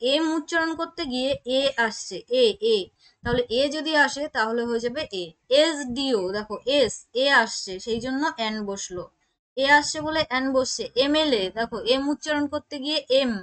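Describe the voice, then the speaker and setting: A woman with a high voice teaches an exam-prep grammar lesson. She explains each point slowly, repeats it and asks checking questions. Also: fairly bright tone. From West Bengal. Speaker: English teacher.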